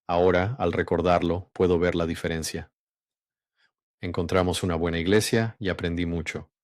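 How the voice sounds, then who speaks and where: A man hosting a religious channel, speaking in an unhurried, measured monologue with frequent hums and pauses, then reading a story aloud. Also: sits low, little pitch movement, no room sound, clean studio sound.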